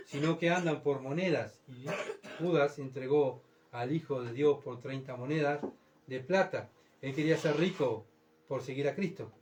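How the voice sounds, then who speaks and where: A middle-aged man, preaching a sermon as pastor and often asking the congregation whether they follow. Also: a little high. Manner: keeps asking the congregation for agreement.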